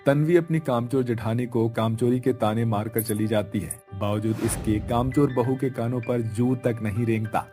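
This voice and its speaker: A man narrating a cartoon story in a measured, storytelling manner. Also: mid-range voice, over music.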